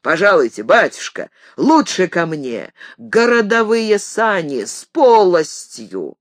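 A tall cabbie , played by a woman reader, scoffs at a rival and pushes his own sleigh, slow and emphatic. His lines jump around in pitch. The reading sounds close and dry. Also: big pitch swings, no room sound, full character voice. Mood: scoffing. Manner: scoffing, pushy.

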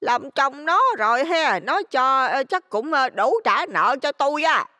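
Woman doing a shrill loan-shark dame. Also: animated, measured pace, pushed and bright, dry recording, clean studio sound, big-room sound, full character voice. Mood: mocking. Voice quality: shrill, piercing. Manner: scolding, mocking, abrupt pitch swings. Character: shrill greedy middle-aged female village loan shark.

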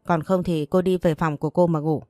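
A defiant young wife who won't back down, voiced by a woman storyteller. She answers bluntly and quickly in a low, warm voice. Dry, close sound with faint music. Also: fairly even intonation, no room sound, lightly acted. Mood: exasperated.

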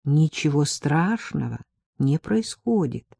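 A woman reading an audiobook, voicing a calm, stubborn young woman who answers patiently and curtly. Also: on the low side, a little slow, no room sound, studio quality. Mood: firm. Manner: patient, curt, firm.

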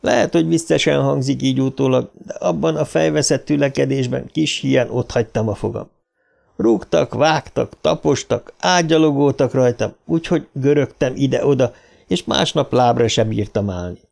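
A man narrating an audiobook in a measured, first-person storytelling manner. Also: mid-range voice, creaky, darkish tone.

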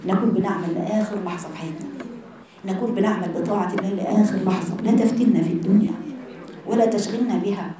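Egyptian woman, religious teacher, fast delivery, roomy hall sound, mic far off. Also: medium pitch, noisy background. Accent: Egyptian Arabic. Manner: impassioned, rhetorical questions. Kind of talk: Quran lesson to women.

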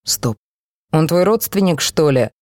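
A woman's voice: sits low, expressive, unhurried, a little mellow, dry recording, clean studio sound. A woman reading the lines of a blunt, sarcastic young man who teases everyone around him. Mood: mocking. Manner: sarcastic, teasing.

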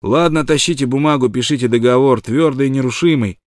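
A man's voice: mid-range voice, expressive, darkish tone, no room sound, clean studio sound, voice pushed up, natural voice. A man reading an audiobook, voicing a hot-tempered, lovesick rich male miner who blusters and pleads. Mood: blustering. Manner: blustering, pleading, quick to rage. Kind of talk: audiobook character voice.

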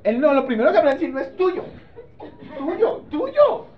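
A man's voice: extremely high pitch, very fast. A man preaches in a church, his voice swooping up and down as he jokes and prods the congregation for an "amen." The recording is dull and lo-fi. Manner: animated, playful, asks the congregation for responses. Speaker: pastor. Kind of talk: sermon.

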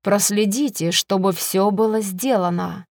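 A woman reading the part of a cold, arrogant young queen who gives slow, quiet, menacing orders in an audiobook. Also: medium pitch, no echo, clean studio sound, natural voice. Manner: soft, slow, icy commands.

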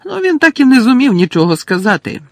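A man voicing an unflappable teenage prankster boy who talks calmly and teasingly. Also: extremely high pitch, fast talker, creaky, no room sound, clean studio sound, faint music behind, voice pushed up, heavily acted.

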